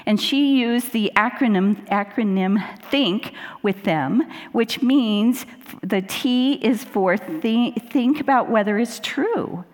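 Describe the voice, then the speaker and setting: A woman's voice: fairly high pitch, takes it slowly. Woman giving a talk in a reverberant hall. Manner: conversational, thinks aloud with fillers and self-corrections. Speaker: leader of a mindfulness talk series. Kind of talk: casual spiritual talk to a group.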